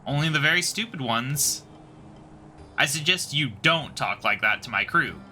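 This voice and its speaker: A man's voice: a little high, lively intonation, normal speed, bright, forceful tone, a little hiss or hum. A man voicing a rude, greedy male pirate in a game playthrough, sneering and insulting. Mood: scornful.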